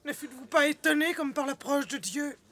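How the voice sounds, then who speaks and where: A pious woman, high bright voice, fervent reproach. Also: fairly quick. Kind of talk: classic stage drama.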